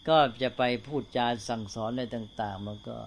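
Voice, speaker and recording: An older male Buddhist monk giving a slow, unhurried talk to fellow monks, often checking in with tag questions. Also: medium pitch, steady tone, slight background noise.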